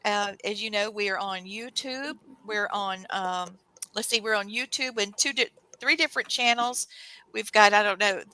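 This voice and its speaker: A woman's voice: mid-range voice, normal speed, pushed and bright, clean tone, poor audio. A woman co-hosting a casual online talk show, chatty and gushing, with lots of fillers, on a video call. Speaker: co-host. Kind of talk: casual show sign-off and chat.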